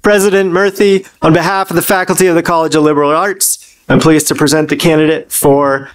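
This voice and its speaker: A man presents graduates at a commencement in a formal, measured way, reading each name into a podium microphone. His voice is smooth and clear and sits fairly high. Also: little pitch movement, no room sound. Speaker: senior art instructor presenting graduates. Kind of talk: formal ceremonial announcement.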